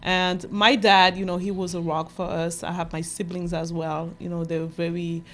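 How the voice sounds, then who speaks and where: A woman's voice: fairly low pitch, flat delivery, moderate pace, fairly bright tone. A middle-aged woman raised in France with Senegalese roots and Fula as her first language, a guest talking casually and thoughtfully on a talk show. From France, Senegalese heritage. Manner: thoughtful, speeds up when enthused.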